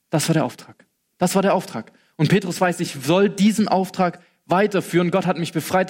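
A man preaching a sermon, retelling scenes in a lively, colloquial way and acting out the quotes. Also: fairly high pitch.

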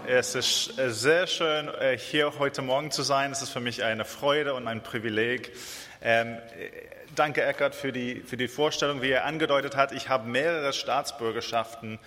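A man from Israel preaching a sermon in German, earnest, with hesitations and slow repeated phrases for emphasis. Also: medium pitch, steady tone, bright, forceful tone. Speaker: guest preacher. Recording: reverberant church hall.

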